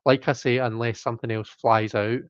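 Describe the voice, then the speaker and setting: At a slightly fast pace, a man with a smooth, steady, medium-pitched voice hosts a live stream, chatting and reading chat in a rambling way with lots of fillers and restarts while his throat keeps catching. The lo-fi recording has no room sound.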